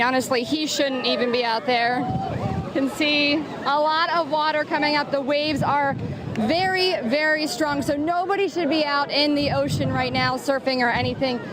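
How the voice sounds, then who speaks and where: A woman field reporter giving live, descriptive on-location news coverage with an urgent delivery. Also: high-pitched. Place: outdoors at beach, streets and waterfront in storm. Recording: outdoor location noise with traffic.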